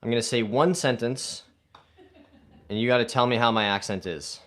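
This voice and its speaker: A man's voice: mid-range voice, normal speed, a bit bright. Upbeat man chatting on a golf stream. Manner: reads viewer comments aloud and answers them, upbeat. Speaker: golf live-stream host. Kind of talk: casual live-stream chat.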